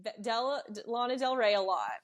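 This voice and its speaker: A woman's voice: on the high side, fairly quick, a loud crowd. A woman co-hosting a podcast in casual chat, talking in a chatty way with lots of "like". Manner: chatty, leans heavily on "like". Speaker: podcast co-host.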